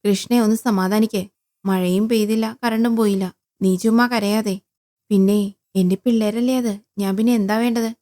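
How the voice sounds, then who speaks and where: Woman doing a firm stressed husband with a flat tyre, steady flat voice. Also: mid-range voice, normal speed, natural voice. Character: husband with a flat tyre, tense but calming.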